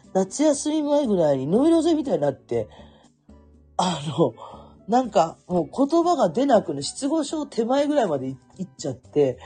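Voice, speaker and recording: A woman's voice: medium pitch, dark tone, breathy edge. Chatty woman with a Chikugo dialect. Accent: Chikugo dialect of Fukuoka. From Kurume, Fukuoka, Japan. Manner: chatty storyteller, acts out quoted voices, laughs often. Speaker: podcast host. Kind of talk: casual solo talk.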